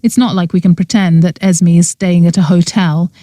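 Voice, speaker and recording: A sensible, insistent young witch, played by a woman narrator in a cozy mystery audiobook. She speaks firmly and earnestly in a mellow voice, recorded dry. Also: lowish voice, fairly even intonation, moderate pace, dry recording, natural voice. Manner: firm, earnest.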